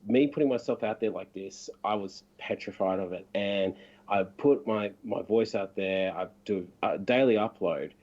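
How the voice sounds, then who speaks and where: A man's voice: fairly low pitch, moderate pace, a little mellow, muffled recording. A man in a casual video chat, talking in an enthusiastic, encouraging way with lots of fillers. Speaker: guest.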